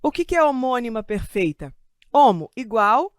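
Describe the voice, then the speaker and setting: A Brazilian woman leads an online Portuguese lesson for exam students, chatty and quick to joke about herself. Her voice sits a little high, and the sound is close and dry with no room echo. She slows down and stretches the words she wants the class to remember. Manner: lively, stretches key words slowly for emphasis; chatty asides and self-joking humor. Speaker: Portuguese teacher for exam prep. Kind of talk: live online grammar lesson. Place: studio with a desk of computers.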